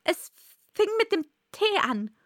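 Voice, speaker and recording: A woman's voice: high-pitched, expressive, slow pace, sharp tone, no echo, studio quality, voice pushed up, full character voice. A woman voicing a frightened male hatter who stammers and trembles as he pleads. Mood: pleading.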